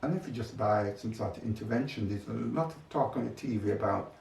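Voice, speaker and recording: A creaky, darkish, rather low male voice belongs to an older man who talks fast while reflecting on his experiences during an interview. The sound is echoey and faintly noisy, picked up by a distant mic.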